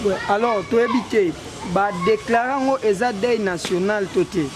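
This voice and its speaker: A man's voice: sits high, unhurried. A man, a street reporter putting direct, leading questions to a passerby. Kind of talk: street interview, mixing French and Lingala. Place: outdoors on a city street. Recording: noisy street with passing traffic.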